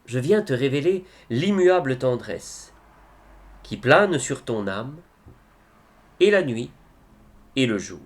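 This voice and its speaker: At medium pitch, a man gives a solemn reading of devotional verse, his lines expressive and evenly measured, with pauses along the way.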